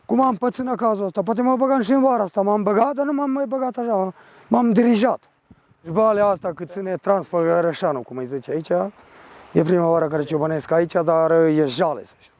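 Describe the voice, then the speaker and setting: A man working as a shepherd, telling a personal story in a rough, rambling, vivid way. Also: high voice, darkish tone, dry recording.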